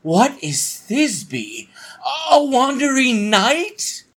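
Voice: medium pitch, sing-song, drawn-out words, fairly bright tone, exaggerated voice. An actor playing a reluctant, plaintive young male bellows mender in a Shakespearean comedy.

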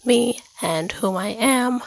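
A woman's voice: a little high, slow, vocal fry, no echo, rough recording. A woman hosting her own podcast, talking candidly and earnestly about her life in a heartfelt monologue. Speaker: podcast host.

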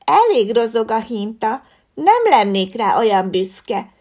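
A woman's voice: on the high side, big pitch swings, a little mellow. A woman voicing a spoiled, haughty little fox girl who claims royal birth, talking in a whiny, snooty way.

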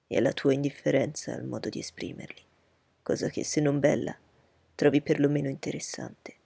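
A proud, reserved aristocratic gentleman from a storybook reading speaks coolly, weighing each word as he lectures, as a woman reader puts him on. The tone is low, husky and dark, recorded dry and close. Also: no room sound, full character voice. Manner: cool, measured, lecturing.

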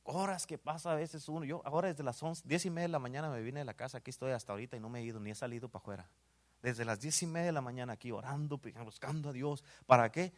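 A man with a Mexican Spanish accent preaching a sermon in church, dropping to hushed asides and rising to loud exclamations, often saying amen. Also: mid-range voice, fast talker. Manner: swings between hushed asides and loud exclamations, repeats "amén".

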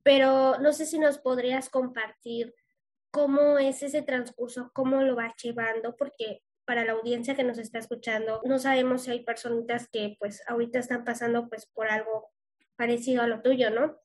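Lady interviewer, high voice, asks questions slowly with lots of fillers. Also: flat delivery.

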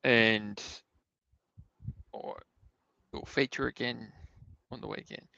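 An Australian man co-hosting a podcast of casual sports betting chat, with a hesitant, halting delivery. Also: medium pitch, fairly even intonation, creaky, sharp tone, dry recording. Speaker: podcast co-host. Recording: dull, close dry sound.

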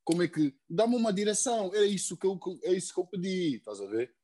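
A man's voice: high-pitched, big pitch swings, fast talker, warm tone. A young man, talking earnestly as a podcast guest, stumbling over repeated words and tags. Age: young adult. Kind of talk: casual chat.

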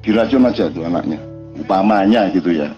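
A man's voice: deep voice, a little fast, lo-fi sound, over music. A man from East Java with an East Javanese accent, giving an informal religious lecture in a rambling, conversational way full of rhetorical questions. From East Java, Indonesia. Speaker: religious speaker.

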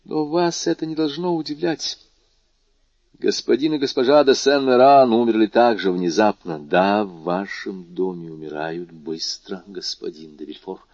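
A man voicing a grave, composed male doctor who speaks in a measured, low, sometimes hushed way. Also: no echo. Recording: dull dry lo-fi recording.

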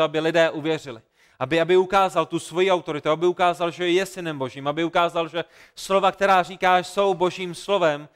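A man delivers a sermon, retelling scripture with earnest, emphatic repetition. His voice is smooth and clear. It sits a little higher than most men's. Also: fairly bright tone. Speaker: pastor.

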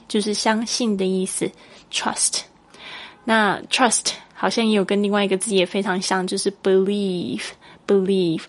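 Woman teaching English patiently. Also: medium pitch. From Taiwan. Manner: patient and explanatory, spells English words out letter by letter. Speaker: English teacher and podcast host. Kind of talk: podcast English lesson.

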